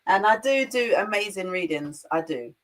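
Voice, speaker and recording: A woman's voice: mid-range voice, lively intonation, normal speed. A woman with a British accent, a spiritual reader appearing as a guest, talking in a chatty, self-promoting way. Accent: British English. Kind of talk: casual chat.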